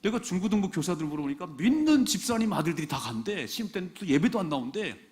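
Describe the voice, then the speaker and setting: Animated Korean man preaching. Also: high-pitched, fast. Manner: animated preaching, rhetorical questions to the congregation. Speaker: pastor. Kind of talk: sermon.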